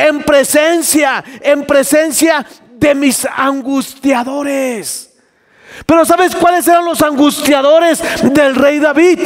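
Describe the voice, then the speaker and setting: Man, pastor, sermon, very high voice, shouted emphasis, church hall reverb. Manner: preaching with sudden shouted emphasis and asked questions.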